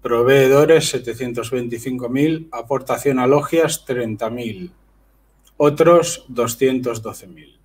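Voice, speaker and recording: Husky man reading figures aloud. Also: mid-range voice, takes it slowly. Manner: list-like reading with brief asides. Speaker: channel host. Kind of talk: reading handwritten documents aloud. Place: voice-over on a screen recording.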